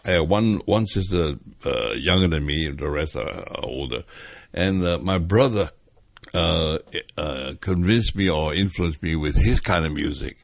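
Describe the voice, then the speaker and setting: A man's voice: low voice, expressive, a little slow, vocal fry, no room sound. An older man from Hong Kong, reminiscing hesitantly with many fillers in an interview. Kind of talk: oral history interview.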